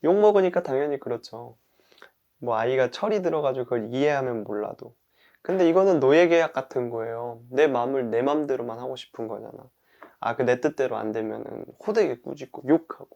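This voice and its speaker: A man teaching about caring for one's own mind, calmly explaining with everyday examples and sometimes dropping into a soft murmur for gentle self-talk. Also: mid-range voice, creaky, dull audio. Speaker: mind-body wellness instructor.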